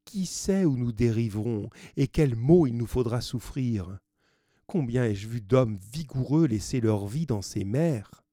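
A man's voice: mid-range voice, lively intonation, a little slow, dark tone, no echo, studio quality. A man reading as a blunt Breton sailor. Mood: blunt, warning. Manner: blunt, emphatic refusals.

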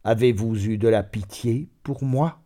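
Man playing a raspy dying old count, low and slow, dark cold voice. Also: close to an everyday voice. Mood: harsh. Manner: cold, slow, icily accusing. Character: dying, gaunt, bitter old nobleman.

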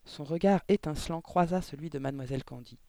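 A man reading a children's novel aloud in a measured way, adding short explanatory asides. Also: on the high side, dark tone, no echo. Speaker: audiobook narrator.

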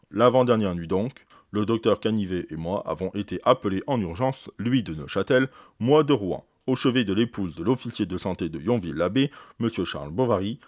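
Man reading as a proud senior doctor, low-voiced. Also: a little mellow, dry recording, clean studio sound, lightly acted. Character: eminent older male doctor, proud, precise. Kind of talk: reading a novel aloud.

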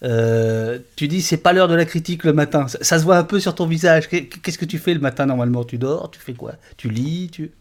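A man hosting a casual live stream, stammering and repeating his words in quick bursts. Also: a little high. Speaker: livestream host.

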